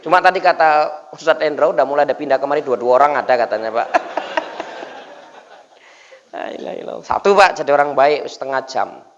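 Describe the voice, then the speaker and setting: A man's voice: medium pitch, fairly quick, long pauses, big-room sound, slight background noise. A man preaching a humorous dawn sermon, teasing the congregation and constantly addressing them as "Pak". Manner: jokey, teasing the congregation, frequent "Pak" asides. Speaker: Islamic preacher. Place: mosque gathering. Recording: dull lo-fi recording.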